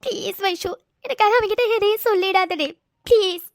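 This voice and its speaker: Brief: woman as gentle, self-blaming cartoon girl in tears; very high pleading voice, dry booth sound. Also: animated, a little fast, dry recording. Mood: tearful. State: crying. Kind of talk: cartoon voice acting.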